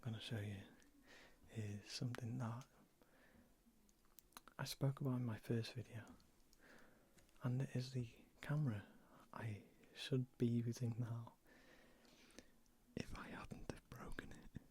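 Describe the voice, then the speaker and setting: An ASMR creator whispering softly and close to the ear while showing and talking about items. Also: mid-range voice, steady tone, takes it slowly, long pauses, a little hiss or hum. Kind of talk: whispered ASMR show-and-tell. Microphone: close stereo ASMR microphones.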